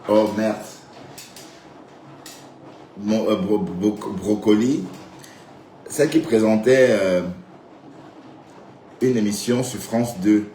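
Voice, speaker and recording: A man's voice: fairly low pitch, slow pace, long pauses, mellow, echoey room, a little hiss or hum. A man giving casual, rambling live-stream commentary, often checking in with viewers with little asides. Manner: rambling, addresses viewers directly with frequent "hein" and "d'accord".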